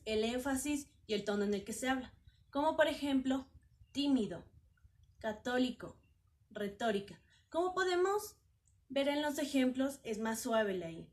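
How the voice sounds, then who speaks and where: A woman reading out a pronunciation lesson, evenly stating rules and examples. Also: high-pitched. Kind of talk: read lesson narration.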